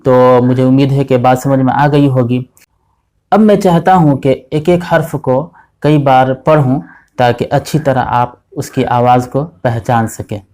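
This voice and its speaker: A man's voice: medium pitch, a little mellow. A man teaching the Urdu alphabet to children, patiently explaining step by step and drilling each letter four times.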